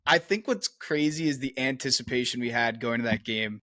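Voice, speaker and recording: Young man, podcast co-host, excitable slangy chat, mid pitch, dry. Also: brisk, no room sound. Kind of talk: casual chat.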